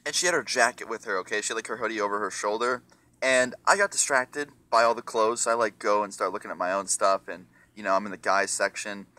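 A young man telling a storytime rant, profane and excitable, acting out the other people in the story. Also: fairly low pitch, fast talker.

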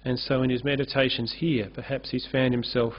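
A man's mid-range voice, level in tone and a little fast, carries an earnest sermon from a church stage with a curtain backdrop. The pastor gestures freely at the lectern, speaking into its mounted mic, and the recording is dull and lo-fi.

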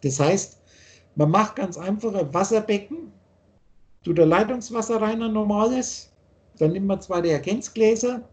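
Older man, high and mellow voice, rambling spiritual lecture over a video call, insistent, lots of restarts. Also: a little slow. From Austria. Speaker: spiritual teacher.

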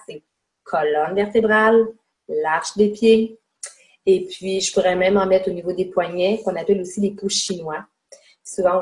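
Through a webcam mic on a video call, this low-quality recording captures a woman in her forties with a Québécois French accent giving a casual home webinar lesson indoors. Chatty and a little mellow, her lowish voice accompanies demonstrations on spots on herself.

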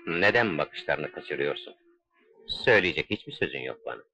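Deep, solemn, ardent young officer. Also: male voice, very animated, normal speed, sharp tone, husky, exaggerated voice. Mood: ardent pleading. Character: passionate, resolute young Ottoman officer in love. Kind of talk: melodramatic old Turkish film acting. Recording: dull old dubbed film soundtrack.

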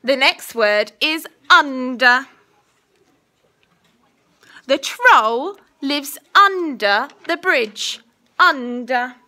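A young woman reads a school dictation as a primary teacher. Her voice is fairly high and bright, with lively swings in pitch. She enunciates deliberately and repeats the target words. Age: young adult. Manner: slow, deliberate enunciation, repeating each word. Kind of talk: school dictation, spelling test. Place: small indoor classroom. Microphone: phone at arm's length.

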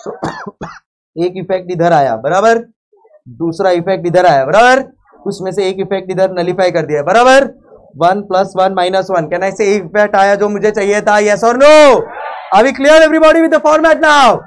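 His voice is high and a little slow as he lectures a live accounting class in a hall, his Indian accent clear. He mixes English into his Hindi, stays loud and emphatic with the odd call-out, and keeps quizzing the students to check they follow.

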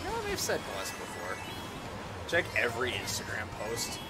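A man hosting a casual gaming stream, chatting and yelling at the game as he plays. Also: lowish voice, moderate pace. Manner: excitable, yells and laughs at game moments. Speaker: streamer host. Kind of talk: casual chat while gaming. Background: background game music.

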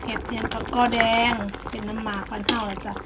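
Over heavy background noise, a woman with an Isan Thai accent talks fast in a fairly high, level voice. She chats casually for her vlog as she eats, murmuring hums while tasting the food.

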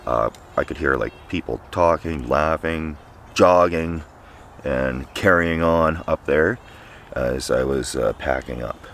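A man's voice: rumbling low, slow, gravelly, a bit bright, slight background noise. A man in his forties filming a casual camping vlog outdoors in the woods, talking to a nearby camera with dry, wry asides. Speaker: camping vlogger. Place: woods at night and morning, outdoors.

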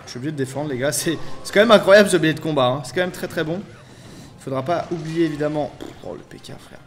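A young man commentating his own mobile strategy game, swinging between low muttering and loud, swearing outbursts. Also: quick pace, a little hiss or hum. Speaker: gaming YouTuber. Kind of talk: live gameplay commentary. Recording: faint game music behind.

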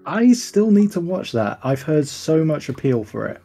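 A man's voice: on the high side, very animated, moderate pace, creaky, warm tone, soft background music. A man in his thirties, a guest in a casual chat, easygoing and rambling with frequent chuckles. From England. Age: 30s.

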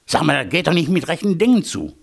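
A man's voice: on the high side, very animated, fast talker, vocal fry, pitched above the performer's own voice, full character voice. A man voicing an arrogant, boastful male hare in a children's fairy tale, bragging and blustering. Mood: flustered.

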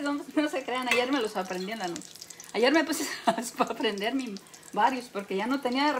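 This woman's voice sits high, with a little hiss or hum in the audio. She's a Mexican livestream host cooking at home, chatting, joking and laughing often with viewers into a phone held close, while faint frying and sizzling sound behind her.

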